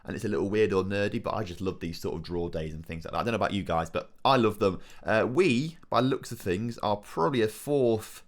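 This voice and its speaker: A young man hosting a football management game video, chatting excitably and repeating himself. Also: sits low, fast talker, hardly any pauses. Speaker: gaming video host. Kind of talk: casual gaming commentary.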